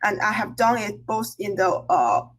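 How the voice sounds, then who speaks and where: A woman presents research at an academic conference. Her voice sits at a medium pitch with a slightly rough, husky edge. She speaks haltingly, with many hesitations and restarts as she explains. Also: lively intonation, rough recording. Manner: halting, hesitant delivery with frequent hesitations and self-corrections.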